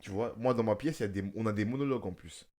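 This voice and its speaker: A man speaks at a medium pitch in casual conversation, with a lisp that softens his s into a slushy sound. He is emphatic, doubles back on his phrases and keeps checking he is being followed. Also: very fast. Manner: emphatic, repetitive, often checking the listener follows. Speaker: stage actor, guest.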